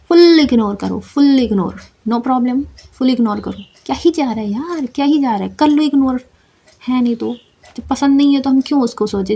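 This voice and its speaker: Husky-voiced woman coaching casually. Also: fairly high pitch, dark tone. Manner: chatty, repeats phrases and checks in often. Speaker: manifestation coach. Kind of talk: casual instructional talk to camera.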